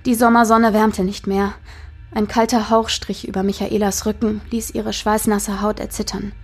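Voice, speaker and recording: A woman's voice: medium pitch, level tone, normal speed, slightly rough, faint music behind. A woman narrating a dramatic audiobook in a tense storytelling manner.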